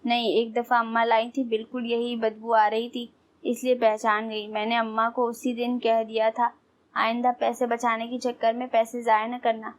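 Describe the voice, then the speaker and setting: A woman's voice: fairly high pitch, completely flat delivery, close to an everyday voice. A scornful haughty young woman, as a woman narrator reads her.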